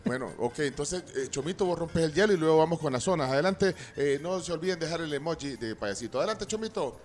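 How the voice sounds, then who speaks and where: A man hosting a radio joke show, chatty and hesitant, often pausing with fillers as he talks to his co-hosts. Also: fairly high pitch, lively intonation. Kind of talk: lively radio banter. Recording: music bed behind voice.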